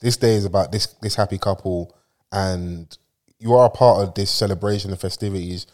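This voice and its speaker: A man's voice: low voice, fairly even intonation, fairly quick, a little mellow. Slangy man in casual banter. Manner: slangy, jokey, conversational. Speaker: talk show co-host.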